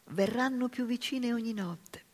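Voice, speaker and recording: A woman reading aloud voices a gentle, pious spinster sister in a storybook reading, lifting her voice to sound soft and earnest. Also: on the high side, unhurried, pitched above the performer's own voice. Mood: serene. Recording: reverberant live hall reading.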